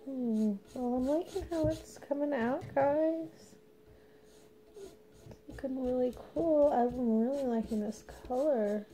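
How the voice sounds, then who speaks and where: A young woman chatting casually while she paints a craft project, rambling and laughing often, sometimes dropping to a soft murmur. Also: sits high, slow pace, low-quality recording. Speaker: craft vlogger.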